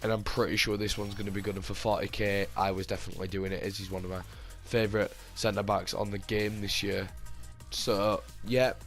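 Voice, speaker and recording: A gaming channel host with a low, slightly hoarse voice briskly talks through his team in casual commentary. He rambles with many fillers, circles back and restarts sentences, all in a very flat delivery over faint background music.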